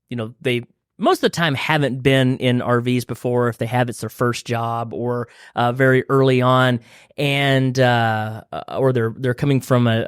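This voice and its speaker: A man hosting a casual company podcast, quick with a joke and a teasing aside. His voice sits in an ordinary middle range, recorded close and dry with no room sound. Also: mid-range voice, dry recording. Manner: joking, chatty, teasing. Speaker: podcast host. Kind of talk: casual chat.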